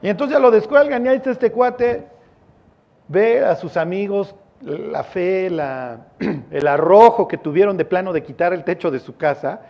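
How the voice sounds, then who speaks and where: A man's voice: sits high, normal speed, gravelly, muffled recording. A man with a Mexican accent preaching a sermon as a pastor, in a casual, joking, storytelling way with slang.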